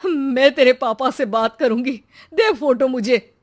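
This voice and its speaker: A woman's voice: high voice, unhurried. A woman playing a naive, anxious middle-aged mother in a moral story, fretful and wailing. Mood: puzzled, protective.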